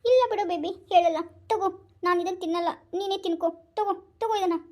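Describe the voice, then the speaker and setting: A woman voices a timid young husband in a cartoon, with a North Karnataka lilt. His voice sits high and runs fast, and his complaints come out as whimpers. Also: darkish tone. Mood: whining. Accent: North Karnataka Kannada. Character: meek whiny young husband, doctor. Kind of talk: cartoon voice acting.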